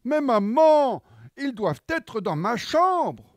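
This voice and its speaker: A man's voice: very high-pitched, sing-song, slow pace, no echo, studio quality, pitched above the performer's own voice, exaggerated voice. A man voicing a messy little schoolgirl in a storybook, whiny and pleading with her mother. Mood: puzzled.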